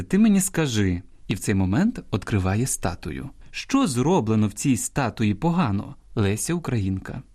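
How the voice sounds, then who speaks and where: A man with a Ukrainian accent presents a scripted radio language program. His voice is mellow and dark, and his intonation stays lively as he reads. He explains word meanings in a careful, teaching way. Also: medium pitch. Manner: measured, didactic reading with quoted examples.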